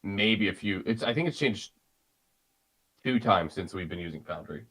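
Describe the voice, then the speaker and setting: A man's voice: fairly low pitch, expressive, moderate pace, fairly bright tone. A man running a game server, chatting casually with his players in a blunt, profane way. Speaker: game master and server owner. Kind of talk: casual chat among players. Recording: roomy, distant mic with noise.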